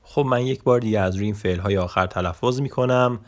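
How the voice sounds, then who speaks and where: A man with a notably low voice runs a vocabulary lesson. He says each word slowly and carefully, repeats it, then moves on with brisk little asides. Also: a little mellow. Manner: slow deliberate repetition of each word, then quick asides. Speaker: Turkish language teacher. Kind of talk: vocabulary lesson, reading words aloud.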